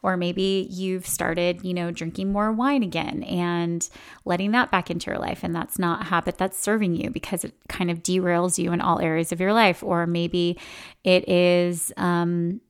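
A woman's voice: on the low side, steady tone, moderate pace, clear, resonant tone. A middle-aged woman hosting a podcast, talking candidly in a casual, reflective way with lots of filler words. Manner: chatty, candid, many "like" and "you know" fillers. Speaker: podcast host.

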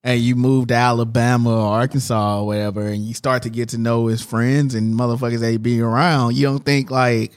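A man with a St. Louis accent speaks in a medium-pitched voice with a very dry, close sound. He talks casually and ramblingly, working through his point with slang and frequent swearing, as a host would in a debate among friends. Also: level tone, brisk, few pauses, clean tone, no echo. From St. Louis, United States.

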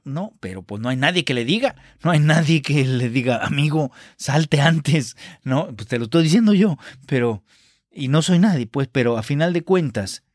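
A man's voice: a little high, no room sound, clean studio sound. A man giving a casual, exasperated and sarcastic spoken film review. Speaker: film critic.

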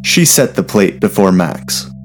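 A man narrating a story in a steady, measured reading voice. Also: low voice, faint music behind.

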